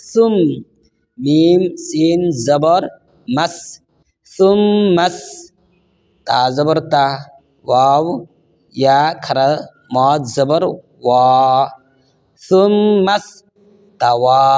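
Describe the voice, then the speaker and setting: A man's voice: fairly high pitch, extremely slow, pauses often, a little mellow, clear, resonant tone. A man with a Bangladeshi Bengali accent, teaching Quran reading by spelling out each Arabic syllable and then chanting the joined word. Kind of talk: slow spelling-out recitation lesson.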